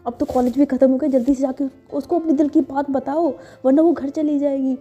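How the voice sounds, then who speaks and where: A pushy young woman, read by a woman narrator, scolds and prods her friend along. The voice is slightly high, dark and mellow. Dull lo-fi recording with faint music. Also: fairly even intonation, brisk, natural voice. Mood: bossy.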